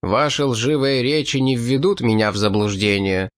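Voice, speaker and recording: A man reading an audiobook, voicing a hateful, zealous old priest who accuses and threatens in a shrill, hysterical way. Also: moderate pace, dry recording, clean studio sound, close to an everyday voice. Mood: cold menace.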